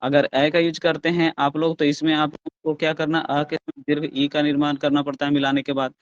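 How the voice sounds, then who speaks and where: Hindi grammar teacher sounding out letters. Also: male voice, a little high, level tone, dry recording, lo-fi sound. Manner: explains step by step, asks the class questions and answers them himself; sounds out letters slowly and loudly. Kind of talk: online class lecture.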